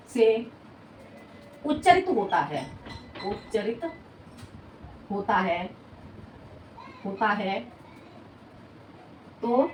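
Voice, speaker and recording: A woman teaching a Hindi grammar class, repeating words slowly as she dictates notes and asking her students rhetorical questions. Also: fairly high pitch. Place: coaching classroom. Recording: echoey room, mic at a distance, faint noise.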